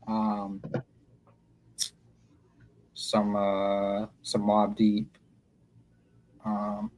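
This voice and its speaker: A man's voice: lowish voice, rough recording. A man on a roundtable podcast, casually listing what he's been listening to with many ums. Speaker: podcast co-host.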